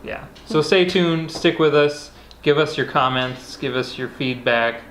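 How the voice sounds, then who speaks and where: In a casual outro, a male vlog co-host explains plans for the channel in a relaxed, rambling way, restarting his sentences now and then. He has a fairly high voice and a measured pace, recorded in an echoey room with faint noise.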